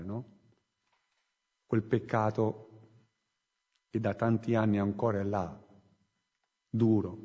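A man preaching a sermon in a church hall, slow and emphatic, swinging between loud and hushed phrases. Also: lowish voice, breathy edge. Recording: muffled recording with long hall reverb.

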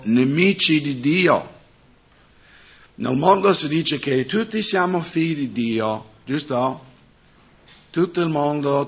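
Husky-voiced pastor preaching a sermon. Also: male voice, medium pitch, fairly bright tone. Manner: preaching with rhetorical questions to the congregation. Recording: dull muffled sound.

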